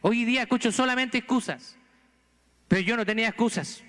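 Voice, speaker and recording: A man's voice: very high-pitched, fairly quick, fairly bright tone, big-room sound. A man from Chile, a pastor with a Chilean accent, preaching a sermon earnestly and pressing the congregation with rhetorical questions. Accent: Chilean Spanish. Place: church sanctuary.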